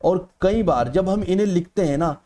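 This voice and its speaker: A man's voice: high-pitched, normal speed, mellow, slight background noise. A male teacher giving an exam-prep lecture in an explanatory manner, often checking in with "okay" and stretching out vowels aloud to show how they sound. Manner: explanatory, repeats "ठीक है" often.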